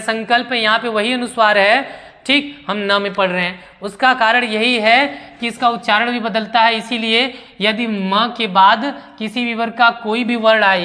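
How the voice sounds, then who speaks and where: A male Hindi grammar teacher explaining a lesson. He asks rhetorical questions, answers them himself, and repeats key terms slowly for emphasis. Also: very high voice, sharp tone, big-room sound.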